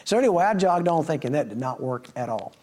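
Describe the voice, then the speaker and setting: This middle-aged man preaches to his congregation through folksy stories, performing the dialogue as he goes. His slightly high, a little mellow voice moves quickly with big swings in pitch.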